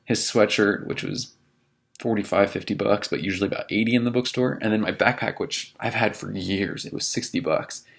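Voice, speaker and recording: A college-age man in his twenties casually telling a story to camera from his dorm room, animated and amused as he quotes the people in it. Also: on the low side, fairly quick, creaky. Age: 20s. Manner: animated, laughing retelling with quoted voices. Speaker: vlogger.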